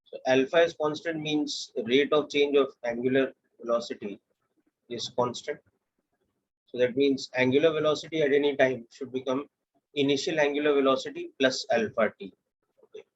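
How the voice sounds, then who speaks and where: A young man with an Indian English accent, teaching a physics lesson step by step in a steady, explanatory way. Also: mid-range voice, normal speed, lo-fi sound. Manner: steady, explanatory, walks through steps aloud. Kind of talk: classroom lecture.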